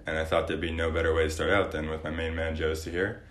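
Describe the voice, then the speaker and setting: A man's voice: rumbling low, monotone, fast talker. A man hosting a podcast, interviewing his guest in a casual, conversational style. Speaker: podcast host. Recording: echoey room.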